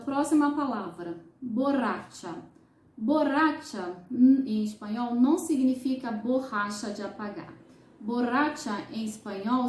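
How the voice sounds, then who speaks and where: A woman with a Brazilian accent teaches vocabulary at a deliberate pace, repeating each term carefully. Her voice is slightly high yet mellow. The sound carries the reverb of an echoey room. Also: a little hiss or hum. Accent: Brazilian Portuguese. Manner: slow, deliberate, repeats each word for clarity. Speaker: Spanish teacher. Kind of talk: lesson.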